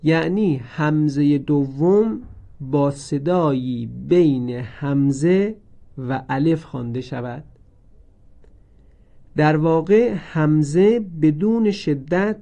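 A man's voice: a little high, mellow, dull audio. Methodical man teaching recitation rules. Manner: methodical, explains then repeats each example. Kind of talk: step-by-step recorded lesson.

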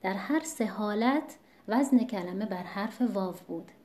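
Mellow-voiced woman teaching recitation. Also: mid-range voice, expressive. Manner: patient, repeats examples slowly and clearly. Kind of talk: explanatory lesson.

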